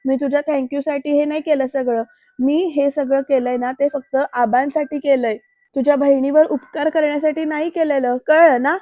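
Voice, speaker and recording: A woman's voice: high-pitched, fairly even intonation, moderate pace, dry recording, close to an everyday voice. A woman voicing a snapping angry young man. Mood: irritated. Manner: snapping, curt. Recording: dull dry voice-over.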